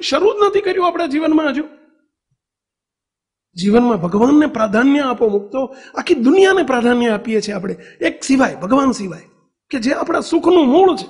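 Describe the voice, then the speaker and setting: A man with a Gujarati accent delivers a devotional sermon in a notably high voice. He tells stories and keeps turning to his listeners with questions. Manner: storytelling, asks the audience questions. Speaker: preacher.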